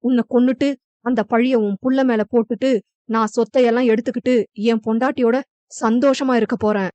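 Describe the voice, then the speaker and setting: A woman's voice: on the high side, steady tone, a little fast, mellow, no room sound, dull audio, lightly acted. A woman voicing a scheming, greedy middle-aged husband who sneers with cold menace. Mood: menacing.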